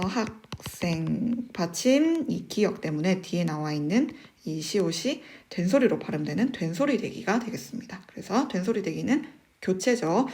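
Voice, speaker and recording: A woman teacher explaining exam questions in an online lesson, patient and methodical, often pausing on "eo" and asking the class rhetorical questions. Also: mid-range voice, a little mellow. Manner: patient, step-by-step explaining with frequent "eo" fillers.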